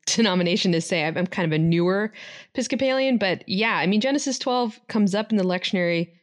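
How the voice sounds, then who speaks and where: A woman's voice: medium pitch, animated, fast. A woman co-hosting a podcast, chatting in an easygoing way and laughing often. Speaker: podcast co-host, Episcopalian. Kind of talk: casual podcast chat.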